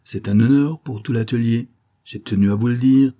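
Un homme qui interprète un patron d'atelier autoritaire, mais ici cordial et chaleureux, dans un livre audio. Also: male voice, mid-range voice, moderate pace, dark tone, lo-fi sound, pitched above the performer's own voice, natural voice. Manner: hearty, jovial. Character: male boss, authoritarian yet cordial.

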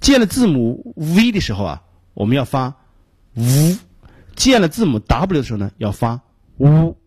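A middle-aged man with a Beijing Mandarin accent gives a radio pronunciation lesson, explaining slowly and repeating each sound he demonstrates. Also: fairly high pitch, wildly swooping pitch, darkish tone, slightly rough, no echo. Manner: frequent filler particles between phrases. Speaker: English pronunciation teacher.

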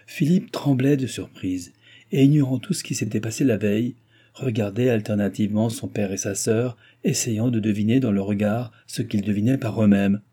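A man narrating a classic novel as an audiobook in even, measured storytelling. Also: fairly low pitch, breathy edge.

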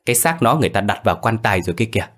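A man voicing a bossy, sharp-tongued village girl who talks blunt and quick. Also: on the low side, very animated. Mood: scolding.

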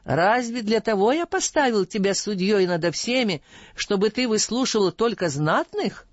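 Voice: medium pitch, expressive, moderate pace, dry recording, dull audio, natural voice. A reader voicing a stern, just older caliph who questions sharply, in an audiobook. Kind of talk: audiobook reading.

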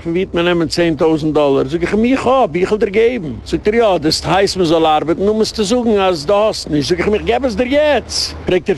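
Gravelly middle-aged rabbi telling stories. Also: male voice, fairly high pitch. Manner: animated retelling of phone calls and arguments, slipping into English and Yiddish words. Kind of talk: storytelling lecture.

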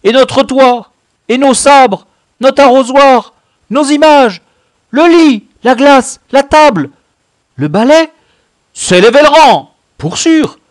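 A man reading a storybook who voices a village boy grumbling and wailing over a stolen treasure, high and loud. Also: animated, takes it slowly, dry recording, full character voice. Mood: outraged.

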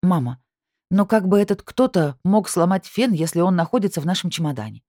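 A woman's voice: on the low side, expressive, brisk, dark tone, no room sound, studio quality, voice pushed up. A woman reading an audiobook, voicing a mild, reasonable adult daughter puzzling things out. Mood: reasoning.

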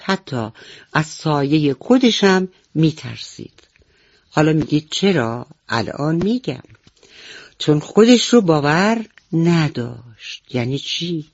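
A woman storyteller narrating a bedtime story for children on the radio, gentle and affectionate. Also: low-pitched, slightly rough, dry recording, lo-fi sound. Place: radio studio.

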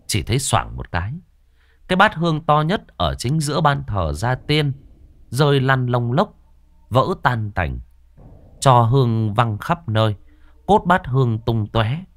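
A man narrating a ghost story in a dramatic, expressive storytelling manner. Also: mid-range voice, unhurried, no room sound.

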